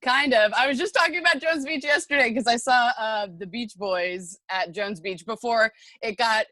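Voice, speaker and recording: A woman's voice: a little high, moderate pace, bright, forceful tone, dry recording. Giggly young Long Island woman chatting, dry sound. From Long Island, New York. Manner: informal, giggly, peppered with "like". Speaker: podcast guest, comedian and model. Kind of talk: casual chat.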